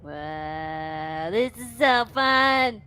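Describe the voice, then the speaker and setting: A woman's voice: medium pitch, animated, pushed and bright, clear, resonant tone, heavily acted. A woman playing a spunky cat-folk monk. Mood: excited. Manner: bubbly, playful, quick to laugh.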